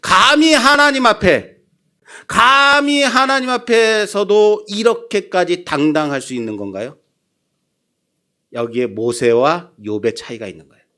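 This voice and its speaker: A male pastor preaching a sermon in an animated, dramatizing way, often putting questions to the congregation in a church. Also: high-pitched, a little slow.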